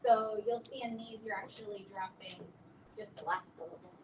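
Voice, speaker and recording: A woman's voice: medium pitch, steady tone, moderate pace, darkish tone. A woman teaching a chemistry lesson, patiently explaining naming rules and spelling out word endings letter by letter. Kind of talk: recorded classroom lesson. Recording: distant mic with clear background noise.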